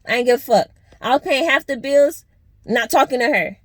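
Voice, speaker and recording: A young woman vlogger telling a story in a blunt, animated, profane way. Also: high-pitched, moderate pace, no echo. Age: young adult. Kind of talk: casual storytime vlog.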